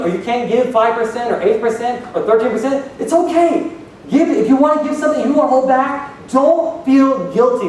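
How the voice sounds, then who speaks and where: A man's voice: extremely high pitch, a little mellow, slight background noise. A man preaching a sermon as pastor, questioning the congregation as he goes. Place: church hall. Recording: echoey hall, voice from far off.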